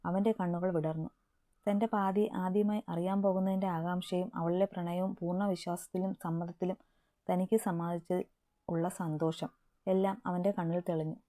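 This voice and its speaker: Woman storyteller, low warm voice, calm even read, dry close sound. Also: moderate pace, no echo. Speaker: story narrator. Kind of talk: reading a romance story aloud.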